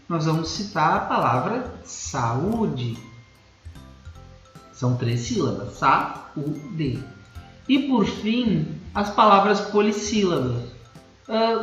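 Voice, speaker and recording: A Brazilian man with a fairly high voice gives a school lesson, going slowly and repeating each point so it sticks. The recording sounds roomy and a little dull, with faint music underneath. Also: fairly bright tone. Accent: Brazilian Portuguese. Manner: slow, explanatory, repeats key points. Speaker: teacher.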